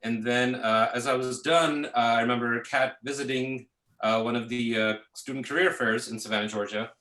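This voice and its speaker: A man's voice: mid-range voice, normal speed, reverberant. A man in his thirties from Pakistan, a visual effects artist speaking casually as a guest in an interview, with many "uh"s and "you know"s. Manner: relaxed, full of fillers like "uh" and "you know".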